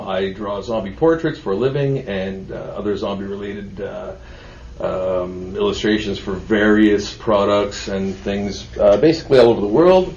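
A man talking as a relaxed studio guest on a radio show, laughing easily and using many fillers. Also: fairly low pitch, recorded from a distance, slight background noise. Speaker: guest artist. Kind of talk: casual radio interview. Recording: dull roomy studio sound.

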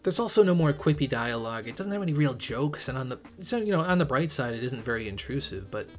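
Fast-talking critical male game reviewer. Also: medium pitch, lively intonation, soft background music. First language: English. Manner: critical, emphatic, occasionally sarcastic. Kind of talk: scripted video essay narration.

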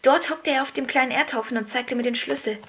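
A woman voicing an earnest young girl who speaks in a hushed, breathy way. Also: high voice, quick pace, pitched above the performer's own voice. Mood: eager.

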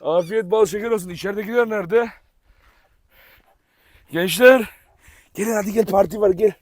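A man's voice: high-pitched, moderate pace, no echo. A man vlogging while he feeds his dogs, talking fondly to them and chatting to viewers between. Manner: affectionate coaxing talk to dogs, addresses viewers. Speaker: dog owner vlogger. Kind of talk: casual vlog while feeding dogs.

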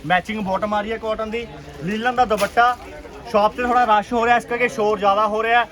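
A man with a Punjabi accent giving an urgent, repetitive, enthusiastic sales pitch as a shop seller on an online video. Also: little pitch movement, fast, fairly bright tone. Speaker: clothing shop seller presenting stock. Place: busy clothing shop.

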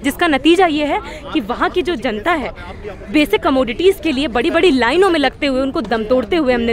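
A young woman activist gives an impassioned interview at an outdoor street protest, speaking into several press mics with rhetorical force and frequent restarts. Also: sits high. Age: young adult. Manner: fiery, rhetorical, many fillers and restarts. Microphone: several handheld press mics held close.

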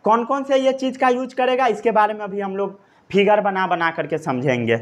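A man with an Indian accent and a brisk, high-pitched voice gives a classroom science lecture. He repeats each point, quizzes the class and dictates notes.

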